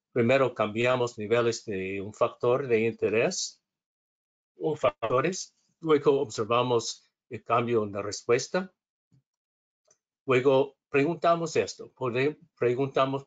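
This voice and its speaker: A low-voiced man, a native English speaker, gives a webinar lecture as the instructor, reading from notes hesitantly and correcting himself along the way.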